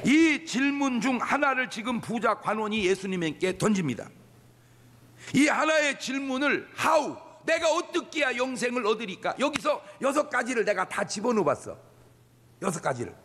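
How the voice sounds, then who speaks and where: A Korean-speaking pastor with a high, bright voice that swoops widely up and down as he preaches. He talks in an animated way and keeps cueing the listeners to repeat after him. His voice rings out through the long reverb of a big church sanctuary. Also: brisk, a little hiss or hum. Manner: animated, leads the congregation in call-and-response. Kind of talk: sermon.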